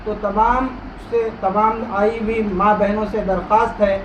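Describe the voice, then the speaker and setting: A man making announcements at a religious school in a halting way, with fillers. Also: sits high, level tone. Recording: roomy, distant, noisy.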